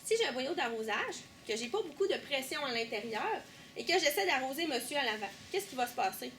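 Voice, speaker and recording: A young woman with a Québécois accent guiding a tour group through an underground power station, lively, asking questions and teasing. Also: high voice, brisk, slight background noise. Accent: Québécois French. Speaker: tour guide. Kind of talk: guided tour explanation.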